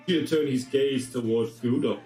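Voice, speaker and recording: A man reading a fan fiction story aloud with expressive storytelling. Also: mid-range voice, fairly quick. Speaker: narrator. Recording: roomy distant voice, faint music.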